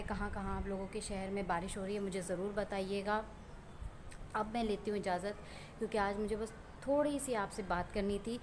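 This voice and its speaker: A woman from Pakistan chats with her vlog audience outdoors on a rooftop, telling a story and showing them around. Her voice sits at an everyday middle pitch. A clear layer of outdoor noise runs behind her. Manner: chatty, storytelling, pointing things out to viewers. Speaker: vlogger. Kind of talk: casual vlog chat.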